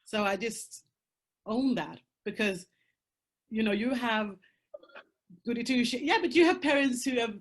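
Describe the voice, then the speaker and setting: Joining a panel over video from Sweden, this woman has a higher voice and speaks a bit slowly, pausing often, with a Swedish accent on her English. Her talk is candid and blunt: she swears, stresses her points, and laughs even when the topics get hard.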